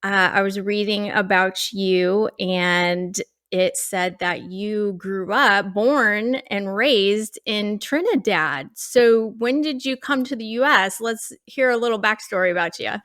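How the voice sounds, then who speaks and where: A woman's voice: medium pitch, slow, hardly any pauses, fairly bright tone, no echo, studio quality. A woman hosting a faith podcast interview, encouraging and affirming as she talks with her guest. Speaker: podcast host.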